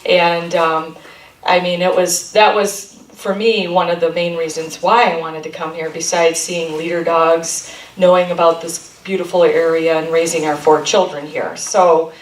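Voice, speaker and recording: In a meeting room, a Michigan chamber of commerce president, a middle-aged woman, gives a warm, wandering informal presentation to a local group with frequent ums. Her voice is lowish and level, her pace measured. It's captured from a distance in an echoey space.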